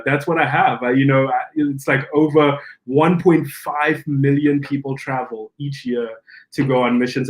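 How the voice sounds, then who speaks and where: On a low-quality recording, a young Zimbabwean man who works as a pastor shares his story during a relaxed podcast conversation. His voice is mid-range and animated, and he frequently restarts and performs quoted dialogue.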